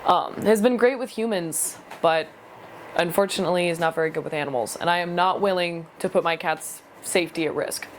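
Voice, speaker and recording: A woman's voice: lowish voice, brisk, slight background noise. A young adult woman chatting casually in a storytelling vlog, filling her sentences with "like". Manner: chatty, leans heavily on "like" as filler. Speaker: vlogger.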